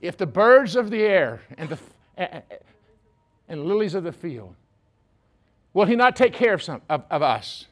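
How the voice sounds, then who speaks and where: A man's voice: high-pitched, big pitch swings, moderate pace, pauses often. A man preaching a sermon, folksy and joking, speaking directly to his congregation. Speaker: pastor.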